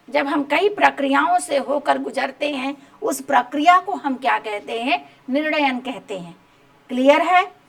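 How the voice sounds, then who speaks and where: High-voiced woman teaching a class. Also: vocal fry. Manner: repeats rhetorical questions, checks understanding. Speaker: home science teacher. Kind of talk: exam-prep lecture.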